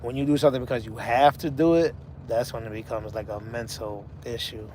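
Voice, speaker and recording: Male, 40s, livestream host. Easygoing, flat delivery, light vehicle noise behind. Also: mid-range voice, a little fast. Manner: laid-back, talks to chat viewers by name. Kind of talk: casual live chat.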